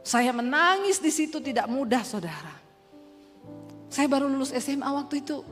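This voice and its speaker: A high-pitched woman pastor in her forties from Indonesia tells her personal testimony as a sermon, speaking earnestly. Her voice rings through a reverberant hall with soft music behind it. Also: lively intonation, moderate pace. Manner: earnest storytelling, often quoting others.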